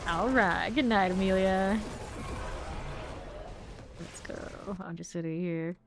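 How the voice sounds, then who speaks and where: A woman's voice: lowish voice, takes it slowly, gravelly, background noise. A woman streaming a game, chatting casually and rambling to her viewers as she plays. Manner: chatty, rambling, talks to chat. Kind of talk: casual gameplay chat.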